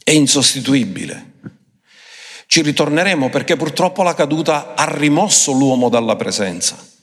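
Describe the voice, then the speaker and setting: A man preaching a sermon emphatically, switching between quick phrases and slow, drawn-out ones. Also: fairly high pitch, lively intonation, fairly bright tone. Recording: long hall reverb.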